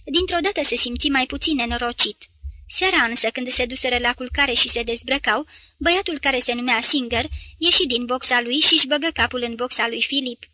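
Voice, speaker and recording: A woman narrating a novel as an audiobook reader, in an even, measured reading. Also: sits high, no room sound. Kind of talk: scripted literary narration.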